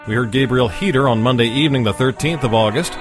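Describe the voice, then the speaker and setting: A man with a mid-pitched voice presents a scripted radio countdown and history programme. Faint music plays under his narration. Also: fast. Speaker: radio show host.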